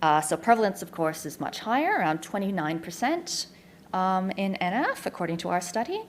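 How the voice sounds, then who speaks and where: An Australian woman giving a clear, informative conference presentation as a neuropsychologist, with frequent ums. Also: mid-range voice, big pitch swings, normal speed, slight background noise. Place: community information day presentation.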